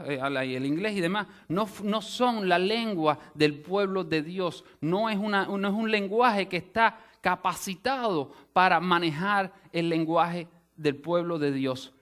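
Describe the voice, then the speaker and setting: A man preaching to his congregation with a fairly high-pitched voice. He teaches patiently, stopping to rephrase his points and restarting words as he goes. His delivery is a sermon given as a lesson. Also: fairly bright tone. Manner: explanatory teaching with frequent restarts and "o sea" asides. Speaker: pastor. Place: church sanctuary.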